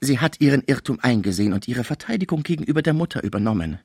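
Cold, snakelike male lawyer, smooth and persuasive, voiced by a male narrator. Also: mid-range voice, lively intonation, quick pace, a little mellow, no room sound, clean studio sound, pitched above the performer's own voice.

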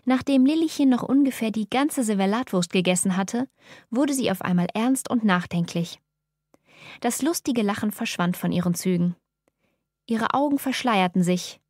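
Woman, storybook narrator, measured, mock-solemn, dry close sound. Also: on the high side, lively intonation, a little mellow, no echo.

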